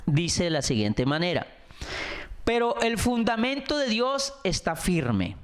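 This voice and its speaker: High-voiced preaching pastor. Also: male voice, wildly swooping pitch, slow. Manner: earnest, repetitive preaching with varied pace and emphasis. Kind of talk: sermon.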